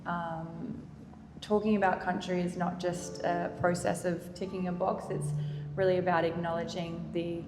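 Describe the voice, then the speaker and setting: An Australian woman moderating a public panel conversation in a gallery, speaking in an earnest, measured and formal way. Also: fairly low pitch. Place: gallery event space. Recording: roomy hall reverb, faint noise.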